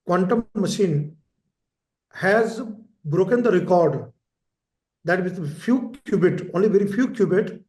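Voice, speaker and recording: A man's voice: high voice, darkish tone. A man, teaching a lecture class and often repeating key terms and checking in with "right?". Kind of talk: lecture for exam preparation. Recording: echoey room.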